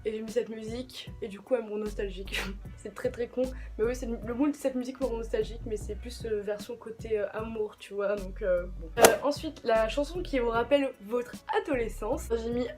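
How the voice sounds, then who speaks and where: A woman's voice: fairly high pitch, brisk, over music. A young woman vlogger chatting casually about songs, with lots of slang and fillers. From of Portuguese descent. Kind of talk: casual chat.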